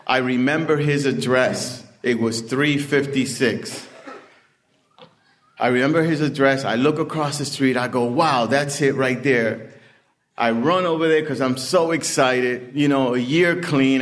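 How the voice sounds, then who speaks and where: A man, telling his recovery story in a casual, conversational way, often acting out what people said to him. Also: medium pitch. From Puerto Rican heritage. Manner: conversational storytelling with frequent "you know" and acted-out quotes. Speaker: recovery speaker. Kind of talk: storytelling share at a recovery meeting.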